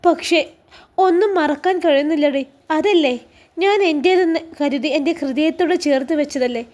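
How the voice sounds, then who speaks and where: A woman's voice: sits high, moderate pace, darkish tone, natural voice. A woman voicing a heartbroken, tearful young woman student, speaking with a Malabar Malayalam accent and a pleading, trembling manner. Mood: sorrowful. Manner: sad, pleading, trembling lips.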